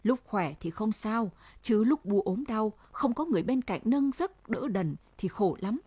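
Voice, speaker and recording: A woman narrating a story aloud in a calm, steady, tender way, recorded close and dry. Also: mid-range voice, unhurried, husky, dry recording. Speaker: audiobook narrator.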